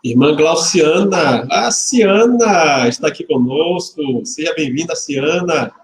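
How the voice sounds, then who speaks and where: This pastor, about forty and from Salvador, Bahia, Brazil, has a fairly high voice with lively intonation and a slow pace. He leads greetings and prayer on a church livestream, casual and chatty, naming viewers and joking lightly. The church hall and webcam mic produce a roomy recording.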